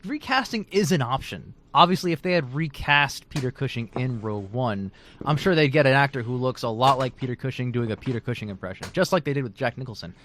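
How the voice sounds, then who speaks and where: A man's voice: medium pitch, animated, brisk, a bit bright, slight background noise. Chatty man debating. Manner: chatty, lots of "like" and "you know", restarts. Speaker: author and debater. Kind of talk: casual debate.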